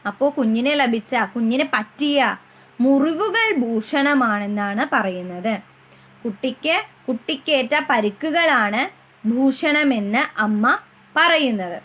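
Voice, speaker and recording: A woman teacher with a Malayali accent giving a primary school lesson, repeating each answer slowly for the children to say after her. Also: sits high, a bit bright, low-quality recording.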